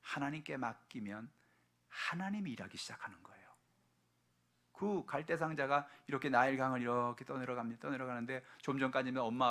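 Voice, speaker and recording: A male pastor preaching a sermon, telling the story dramatically and swinging from hushed tones to loud exhortation. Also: medium pitch, gravelly.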